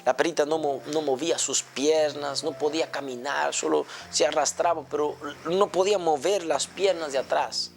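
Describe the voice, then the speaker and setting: A man's voice: a little high, steady tone, moderate pace, creaky, hardly any pauses, soft background music. A male pastor preaching a sermon with a repetitive cadence that builds into a fervent appeal.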